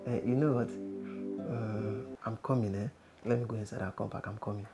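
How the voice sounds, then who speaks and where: A man's voice: on the low side, fairly even intonation, moderate pace, over loud music, close to an everyday voice. A man with a Nigerian accent playing a broke, overly emotional boyfriend in a comedy skit, stammering and wailing. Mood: flustered.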